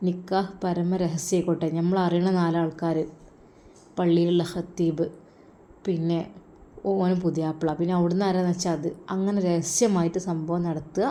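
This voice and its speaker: A woman plays an older man with a Malabar accent who leans in with hushed, confiding advice. He speaks frankly to a worried father in a storybook reading. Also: on the low side, little pitch movement, moderate pace, voice pushed down, lightly acted. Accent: Malabar Malayalam.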